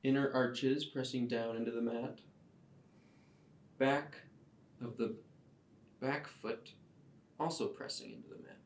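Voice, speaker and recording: A man teaching a yoga class, giving calm step-by-step cues timed to the breath. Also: mid-range voice, slow, long pauses. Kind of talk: guided yoga class instruction. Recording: roomy sound, mic at a distance.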